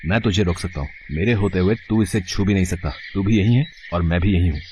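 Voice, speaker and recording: A man's voice: low voice, fast, mellow, a little hiss or hum, close to an everyday voice. A man voicing an upright young village man in a cartoon story, firm and earnest.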